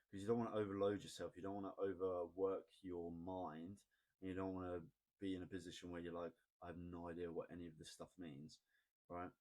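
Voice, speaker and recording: A man explaining ad data in a casual, chatty screen-recorded tutorial, often asking "right?" and pausing on "um". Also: sits low, level tone, a little mellow. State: has the hiccups. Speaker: online marketing tutor.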